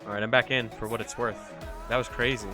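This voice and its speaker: A man's voice: mid-range voice, fairly even intonation, fast, pushed and bright, faint music behind. A man casting a live strategy game match in a loose, chatty way, swearing freely. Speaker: esports caster. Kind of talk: casual live game commentary.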